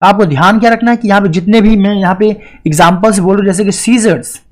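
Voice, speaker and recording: Male grammar teacher, lecture delivery, rhetorical questions, stresses each example sentence slowly. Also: high voice. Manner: explains step by step, often asks and answers his own questions; reads English example sentences slowly and deliberately. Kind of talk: classroom lecture.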